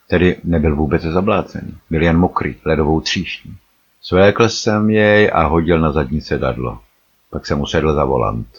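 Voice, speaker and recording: Very deep-voiced male audiobook narrator. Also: husky. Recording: slightly dull recording.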